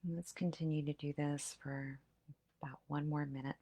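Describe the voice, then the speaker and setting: Low-voiced woman guiding slow breath counting. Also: little pitch movement, mellow. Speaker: meditation guide.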